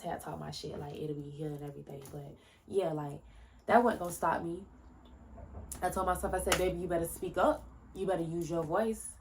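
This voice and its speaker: Speaking in a deep yet slightly bright voice, this podcaster in her early twenties chats loosely on her solo show at home. She drifts from tangent to tangent, often restarting and using fillers. Faint fireworks pop behind her amid slight background noise.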